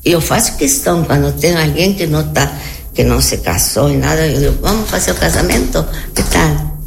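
Low-pitched, animated and brisk, with vocal fry and some light background noise, this elderly Argentine woman speaks Spanish natively with an Argentine accent. She reminisces in an interview, repeating words and checking that her listener agrees.

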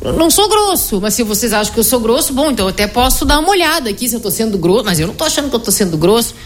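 A middle-aged woman psychologist, explaining her method in an animated conversational interview, often tagging her sentences with "né?". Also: fairly high pitch, racing. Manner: explanatory, animated, frequent "né?" tag questions.

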